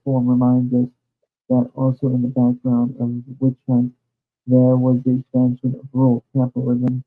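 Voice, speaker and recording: A man on a podcast reading a passage aloud, halting and stumbling over words. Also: medium pitch. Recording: tinny phone-like line with faint music.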